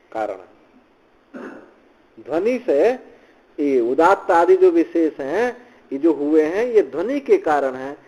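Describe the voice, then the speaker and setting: A male swami teaching scripture, reciting Sanskrit lines and explaining them slowly in Hindi, often repeating phrases. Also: sits high, darkish tone, low-quality recording. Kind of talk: slow scripture commentary lecture.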